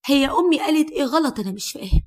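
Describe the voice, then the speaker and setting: A woman's voice: high voice, expressive, very fast, a little mellow. A woman with an Egyptian accent voicing a stubborn, defensive young husband who talks in an insistent, dismissive way.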